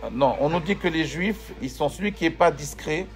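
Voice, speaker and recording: A man teaching a Torah class, animated, asking his students questions and joking with them. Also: a little high, normal speed, soft background music.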